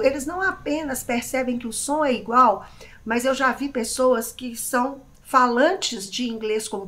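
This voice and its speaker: Professora brasileira animada, voz aguda. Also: female voice, sits high. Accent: Brazilian Portuguese. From Brazil. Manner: lively, chatty, talks straight to her students. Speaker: English teacher. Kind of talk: online English lesson.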